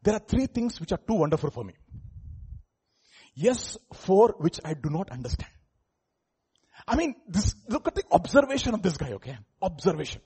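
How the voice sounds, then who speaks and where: Husky-voiced Indian-accented male preacher. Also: high voice, sing-song, moderate pace, pauses often, warm tone. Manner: emphatic, repeats phrases, questions the congregation. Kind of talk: sermon with informal teaching asides.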